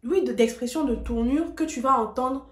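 Woman, casual video lesson, emphatic and direct, fairly high voice, roomy echo. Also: moderate pace. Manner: emphatic, direct, speaks straight to viewers. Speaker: English tutor on video.

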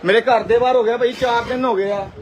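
Agitated guy yelling into his phone outside, really high voice, bit of street noise behind. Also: steady tone, fast talker, highs cut off. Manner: agitated, pleading and protesting. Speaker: local party worker being detained. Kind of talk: live phone stream during police pickup. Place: outdoors by his house. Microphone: phone held in hand. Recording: live phone stream with background noise.

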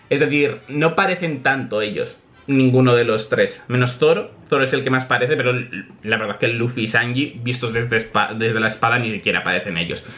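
A man, a manga reaction host talking in a chatty, animated way and laughing often. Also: medium pitch. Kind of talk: casual reaction commentary.

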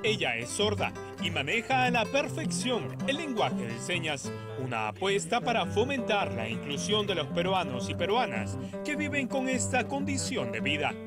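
A man reading a scripted news report in an emphatic, lively delivery. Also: sits high, normal speed. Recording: voice-over with loud background music.

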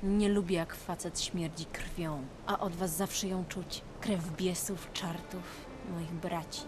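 Haughty, cutting succubus. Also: female voice, lowish voice, fairly even intonation, slow pace, background noise. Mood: disdainful. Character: proud, disdainful female succubus. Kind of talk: video game voice acting.

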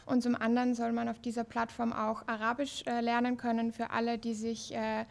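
Woman, gravelly voice, flat delivery, fluent, handheld mic. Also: a little high, brisk. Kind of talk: workshop self-introduction. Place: bright office meeting room.

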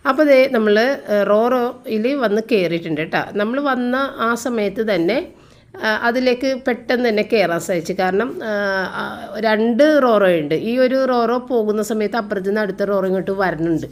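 A middle-aged housewife chatting casually to her viewers while riding in a car, with drawn-out filler sounds and frequent asides to the audience. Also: medium pitch. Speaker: vlogger and housewife. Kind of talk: casual vlog narration. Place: inside a car on a road trip.

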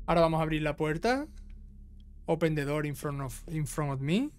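Game music sits behind a man whose slightly high voice has lively intonation and a moderate pace. As a video game guide host, he gives a relaxed walkthrough step by step, telling the listener what to do and checking in as he goes.

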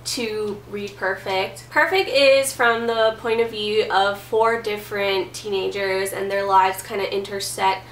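This twenty-something book vlogger, stuffy from a cold, chats casually in her bedroom with plenty of "like" and "um." She speaks at medium pitch, fairly evenly and unhurriedly with few pauses, her tone a bit bright. A camera mic placed at a distance leaves the sound roomy, far-off, and faintly hissy.

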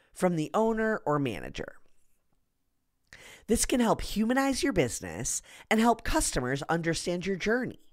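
A woman's voice with a lower pitch that swings widely and expressively as she reads. Her delivery is scripted, upbeat and instructive, the way a podcast host explains practical tips. The recording is dry and close, with no room sound. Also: no room sound.

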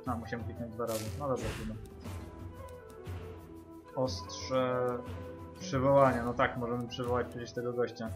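A man's voice: mid-range voice, little pitch movement, normal speed, long pauses. A man giving casual, muttered, sweary gameplay commentary. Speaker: gamer. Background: game music.

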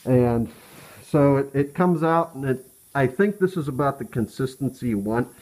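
An American man talking through a respirator mask, muffled, giving a casual hands-on how-to in a halting, plain-spoken way. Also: medium pitch, expressive, a little mellow. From Pennsylvania, US. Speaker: DIY truck restorer. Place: cluttered workshop, indoors.

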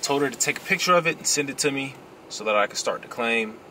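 A Chicago-accented vlogger in his thirties chats casually to the camera from inside his car, talking fast at a medium pitch. Relaxed and chatty, he says "finna" and "you know," and the dashboard camera picks up road noise from the car interior.

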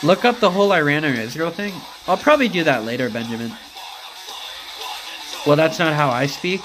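A man's voice: fairly high pitch, animated, fairly quick, rough recording. A man chatting on a game stream, rambling and cursing as he answers his chat. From United States. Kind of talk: casual live-stream chat while gaming. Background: music.

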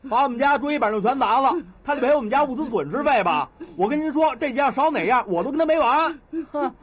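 A combative young man who rattles off grievances. His voice is very high for a man and races along at a rapid clip. It sounds husky and swoops up and down in a TV drama scene. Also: animated, exaggerated voice. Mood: indignant. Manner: aggrieved, combative, rattles off demands. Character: hot-headed young man defending his mother. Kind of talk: TV drama acting.

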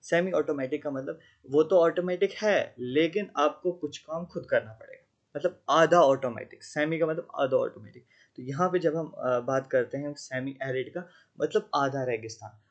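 A man's voice: a little high, moderate pace, muffled recording. A man teaching an exam-prep geography lecture, often checking whether students follow. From Jammu and Kashmir. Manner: conversational Hindi teaching with English terms, frequent checking questions.

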